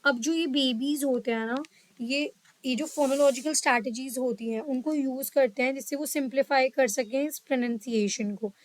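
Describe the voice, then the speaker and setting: A woman teaching a psychology lesson, reading English lines slowly and explaining them in quicker Hindi, often checking in with her listeners. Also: sits high, dry recording, rough recording. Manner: checks in with "ठीक है". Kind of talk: lecture mixing Hindi and English.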